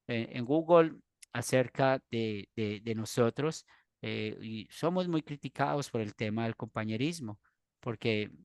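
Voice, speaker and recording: A man, a pastor teaching a church doctrine class in an earnest, explanatory way with pauses and restarts. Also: medium pitch, no echo, studio quality.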